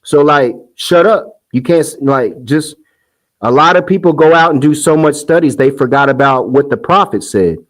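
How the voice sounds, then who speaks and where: A man's voice: fairly high pitch, animated, normal speed, low-quality recording. A man hosting a casual commentary monologue, heated and scoffing, rambling with restarts. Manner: sing-song mocking quotes. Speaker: commentary host.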